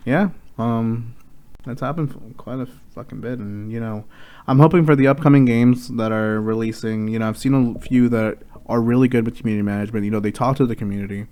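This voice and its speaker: A man's voice: medium pitch, fairly quick. A man co-hosting a casual gaming chat show, chatty and swearing freely, getting worked up as he talks. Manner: chatty, swears freely, rants with rising excitement. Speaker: co-host.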